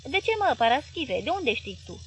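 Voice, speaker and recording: A woman reading an audiobook plays a wife with a sugary, coaxing voice, pitched high and pleading as she reasons with her husband. Her lines come loud and lively. A faint hiss lies behind the voice.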